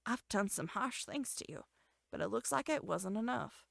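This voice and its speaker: A woman voicing a possessive, coldly menacing young man in a game, speaking low, quiet and controlled. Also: expressive, normal speed, vocal fry, no echo, studio quality, heavily acted. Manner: cold, possessive and threatening. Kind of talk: game dialogue voice acting.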